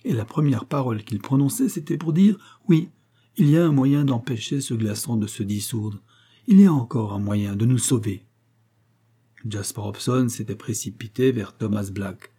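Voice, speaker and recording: A man reading a classic adventure novel aloud as an audiobook narrator, dramatic, raising his voice for the shouted lines. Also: mid-range voice, normal speed, breathy edge.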